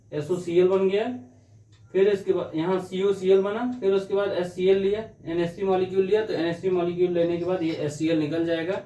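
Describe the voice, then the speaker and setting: A man's voice: high voice, warm tone, a little hiss or hum. A male chemistry teacher giving a lecture, working through reactions step by step and asking himself questions as he goes. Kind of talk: classroom lecture on organic chemistry. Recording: echoey room, voice from a distance.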